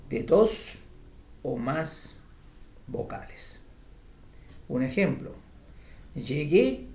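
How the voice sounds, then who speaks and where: Slow, gravelly male teacher explaining grammar. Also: mid-range voice, a little mellow, reverberant, slight background noise. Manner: slow, repeats terms and examples, checks with "¿mm?". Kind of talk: spoken grammar lesson.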